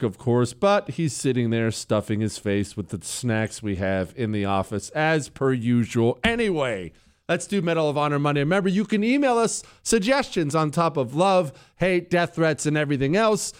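A man's voice: fairly high pitch, lively intonation, moderate pace, clean tone, no room sound, studio quality. A middle-aged man hosting a radio talk show, moving between casual, wry asides and reading aloud.

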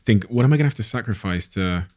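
A man's voice: on the low side, animated, fast, a little mellow. A man talking earnestly on a podcast, reflective and a little hesitant. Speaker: podcast guest. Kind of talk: casual podcast conversation.

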